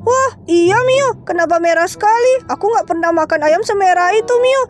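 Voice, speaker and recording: High-voiced chatty woman. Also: animated, normal speed. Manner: chatty, lots of tag questions. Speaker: game drama narrator and voice actor. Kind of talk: casual role-play narration.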